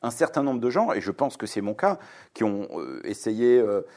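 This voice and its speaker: Very animated yet a little mellow, this man's lowish voice moves at normal speed. He's a Lebanese author in his forties being interviewed on the radio, responding fluently and thoughtfully while filling his answers with plenty of hesitations.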